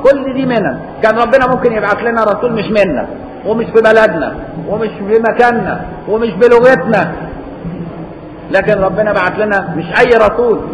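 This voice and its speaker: A man with an Egyptian accent teaching a classical religious text, explaining with rhetorical questions and repetition. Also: sits high. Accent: Egyptian Arabic. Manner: chants Quran verses slowly. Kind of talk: classical text lesson in Egyptian colloquial Arabic. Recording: echoey hall with faint noise.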